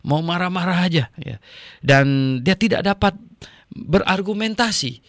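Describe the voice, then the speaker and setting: A man's voice: sits high, animated, unhurried, a bit bright, no room sound, clean studio sound. A man teaching the Bible on radio in a folksy, conversational way, repeating his phrases and tagging them with a questioning "ya", with the odd chuckle.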